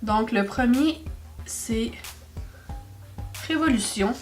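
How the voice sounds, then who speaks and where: A young woman with a Québécois French accent, chatting excitedly through a makeup haul in a casual vlog. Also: fairly high pitch, extremely slow, faint music behind. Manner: chatty, excitable, exclaims over products. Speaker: beauty vlogger.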